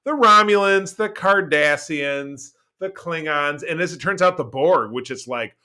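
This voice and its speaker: This podcast co-host reviews television in a relaxed conversation, speaking with eager emphasis, stopping and starting and repeating words frequently. He has a fairly high voice that sounds pushed and bright.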